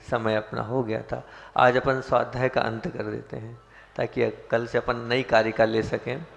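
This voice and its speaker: A man's voice: mid-range voice, creaky. Man preaching a sermon in a reverberant hall. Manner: rhetorical questions, rising emphasis on key points; opens with sung chanted prayers. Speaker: Jain monk preacher.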